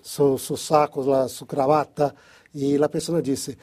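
Husky man with a tinged Spanish. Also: medium pitch, level tone, a little slow, darkish tone. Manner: hesitant, restarts often, thinks aloud. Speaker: Bible study co-host. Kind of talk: casual religious discussion.

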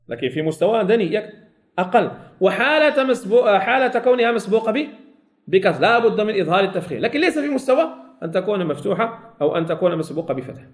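Teaching tajweed to his pupils, this Quran recitation teacher speaks in a fairly high voice with a Moroccan Arabic accent. Each sample word is stretched out slowly and repeated for the students, and between examples he corrects them and makes sure they keep up.

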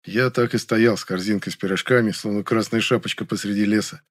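A man narrating a first-person audiobook in a calm, wry tone. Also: on the low side, a little fast, no echo, clean studio sound.

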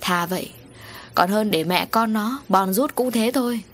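Woman doing a wronged village wife, indignant, accusing, mid pitch, faint background music. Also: unhurried, close to an everyday voice. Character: angry wronged middle-aged village wife.

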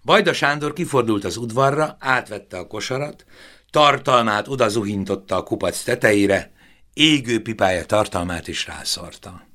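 A man narrating a novel in a measured, expressive audiobook reading. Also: on the low side.

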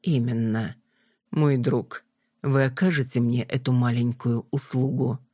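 A reader voicing a cold, mocking female vampire queen, speaking slowly and deliberately in a husky voice. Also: medium pitch, steady tone, warm tone, dry recording, studio quality, lightly acted. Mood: imperious. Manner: slow, deliberate, commanding. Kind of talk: audiobook character voice.

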